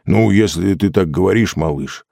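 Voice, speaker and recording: A laid-back older man, as a male reader puts him on, speaks low and soft, humouring everyone around him. The voice is deep and dark in tone, with a dry, close sound. He stays calm and indulgent. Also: moderate pace, gravelly, no room sound. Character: amused easygoing older man, calls narrator kid.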